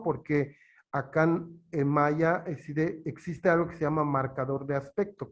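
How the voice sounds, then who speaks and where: Speaking in an interview, this Yucatán-born teacher with a matching Spanish accent explains things slowly, stumbling a bit and leaning on many fillers. His voice is fairly high.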